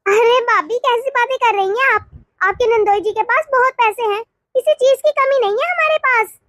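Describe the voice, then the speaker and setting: Woman voicing a cartoon wife, bossy and brisk, very high pitch, dry sound. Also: a bit bright, no room sound. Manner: brisk, domineering. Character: bossy young married woman, household head. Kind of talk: animated cartoon dialogue.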